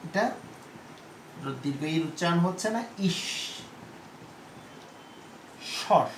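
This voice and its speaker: A male teacher giving a pronunciation lesson, speaking slowly and repeating each word while he asks his students questions. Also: high-pitched, expressive. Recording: echoey room with faint background noise.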